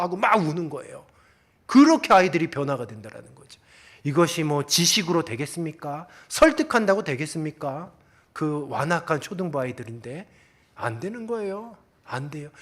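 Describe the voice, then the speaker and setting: High, lively-voiced Korean pastor preaching. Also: male voice. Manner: swings between loud urgent exhortation and quiet, soft asides; acts out quoted prayers and questions in the sermon. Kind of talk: sermon. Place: church sanctuary.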